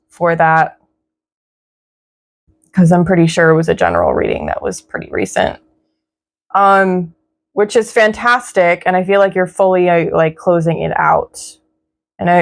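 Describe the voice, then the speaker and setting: A woman's voice: on the low side, gravelly. A young woman giving a casual tarot reading in a reflective, encouraging way. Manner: slow, reflective, spiritual, encouraging. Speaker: tarot reader.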